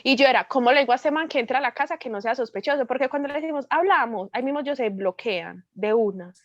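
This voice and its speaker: Colombian woman guest speaker, higher register, lively storyteller, dry muffled recording. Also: quick pace, no echo. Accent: Colombian Spanish. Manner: lively storytelling, acting out dialogue. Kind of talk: testimony in a prayer meeting.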